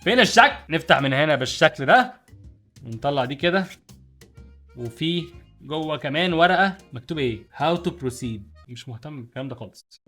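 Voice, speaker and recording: A man's voice: a little high, a bit bright. A young man with an Egyptian Arabic accent, chatting casually while unboxing and reviewing cheap gadgets, joking and puzzling over what he finds. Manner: rapid, chatty, jokey and puzzled. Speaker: product-review vlogger.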